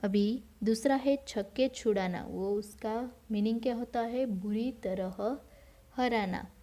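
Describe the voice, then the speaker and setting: A schoolteacher, a woman, walks young pupils through a language lesson at an unhurried pace. Her voice is soft and mellow. She repeats each word and quizzes the class before giving the answer herself. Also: on the high side. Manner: slow, patient, repeats words and asks then answers her own questions. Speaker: school teacher. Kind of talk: recorded Hindi grammar lesson for children.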